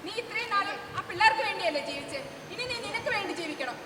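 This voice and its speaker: A woman's voice: very high voice, lively intonation, fast talker, background noise. A woman acting a practical working friend in an amateur stage drama, chatty and consoling. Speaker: stage actor. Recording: echoey hall, far from mic, crowd.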